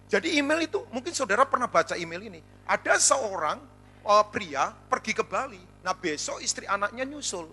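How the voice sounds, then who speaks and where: A man pastor preaching a sermon, telling funny stories in an animated way. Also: very high-pitched, slightly rough. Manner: animated storytelling with jokes.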